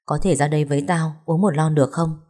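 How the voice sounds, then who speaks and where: Despairing young man on the phone, read by a woman narrator; low, dark tone, audiobook style. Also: fairly even intonation, fast talker. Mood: gloomy.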